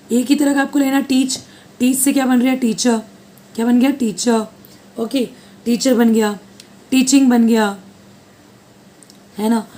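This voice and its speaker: A woman's voice: fairly high pitch, dark tone. Woman teacher asking and answering herself. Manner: repeats questions to the class and answers them; mixes Hindi with English terms. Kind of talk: recorded lecture.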